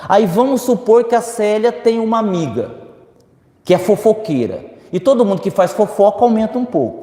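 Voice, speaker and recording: In an echoing lecture hall, a high-voiced man with a Brazilian accent talks at normal speed during a spiritist lecture. He engages the audience directly and with energy, responding to their questions and imitating the voices of those he quotes.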